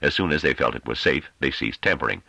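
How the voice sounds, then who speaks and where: A man reading an audiobook, voicing a male councillor who argues in a grave, measured and sardonic way. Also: very deep voice, vocal fry, bright, forceful tone, breathy edge, no room sound, exaggerated voice. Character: calm sardonic male councillor defending himself.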